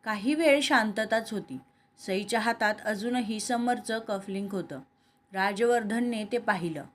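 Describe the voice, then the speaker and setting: With a mid-range, unhurried voice, a woman narrates a scripted romantic serial, keeping her own natural voice for each character in the dialogue.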